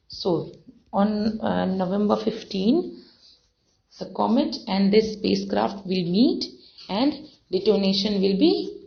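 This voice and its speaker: Slow, gravelly-voiced woman teacher. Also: mid-range voice. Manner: slow, repeats and defines words, many fillers. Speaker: English teacher. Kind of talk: explaining a textbook chapter. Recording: dull lo-fi recording.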